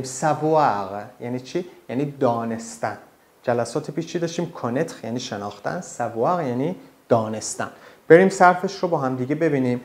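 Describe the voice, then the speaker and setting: A man teaching a language lesson, talking informally to the learner and drawing out words slowly for the learner to repeat. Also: medium pitch. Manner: slow drawn-out model pronunciation, direct and informal. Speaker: French teacher.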